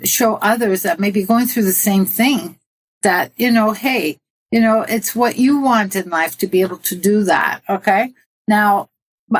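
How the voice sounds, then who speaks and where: A woman's voice: medium pitch, poor audio. An older woman from Italy, a guest in an interview, talking earnestly about her own life and giving advice, laughing at herself now and then. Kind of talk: personal interview.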